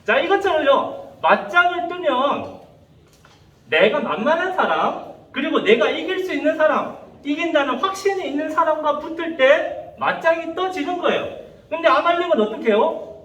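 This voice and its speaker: A man preaches to young listeners in a high, lively voice. He tells stories and acts out the voices of the people in them. He sounds a little distant, and his voice rings through a reverberant church hall. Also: moderate pace. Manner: animated storytelling, acting out quoted voices. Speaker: pastor. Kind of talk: sermon to youth. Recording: echoey room, voice from a distance.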